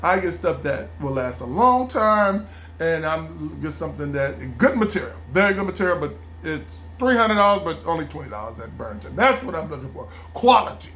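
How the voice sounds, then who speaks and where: Male vlogger, lively high voice, loose casual monologue. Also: normal speed, slight background noise. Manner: animated, acts out friends' voices, laughs often.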